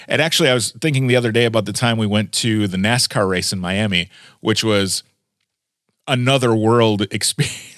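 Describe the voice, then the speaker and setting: A man's voice: fairly low pitch, fairly bright tone, no room sound, studio quality. A man hosting a radio show, chatting casually with a guest and laughing easily. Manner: friendly, laughs easily, wraps up the segment. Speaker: radio host.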